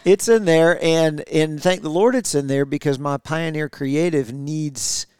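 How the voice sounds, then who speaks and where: Here a middle-aged podcast co-host talks with his wife in a relaxed, reflective way, frequently pausing on fillers and restarting. His voice is a little high, unhurried, smooth, and darkish in tone, recorded at studio quality without echo.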